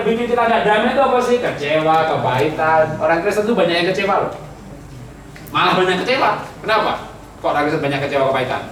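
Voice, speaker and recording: A man's voice: sits high, fairly bright tone, distant mic. Man, pastor, humorous retreat sermon, teasing delivery, echoey hall, audible background noise. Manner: humorous, teasing the congregation and laughing often; acts out people's prayers in mocking voices.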